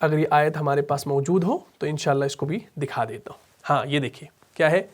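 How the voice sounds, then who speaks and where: A man teaching Quran recitation rules in a lesson, explaining patiently, asking and answering his own questions, and chanting verses slowly and melodically. He speaks with a Pakistani Urdu accent. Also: fairly high pitch, steady tone. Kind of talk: tajweed lesson with recited examples.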